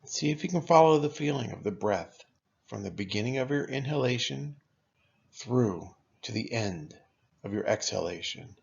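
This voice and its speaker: A male meditation teacher guides a session calmly and without hurry, giving instructions punctuated by long pauses. His medium-pitched voice carries vocal fry and a breathy edge, and the audio sounds dull.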